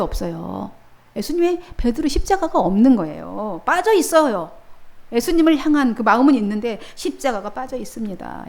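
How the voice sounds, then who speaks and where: A woman's voice: a little high, a little mellow. A woman pastor preaching a sermon in a church, telling the story vividly with casual asides to the congregation.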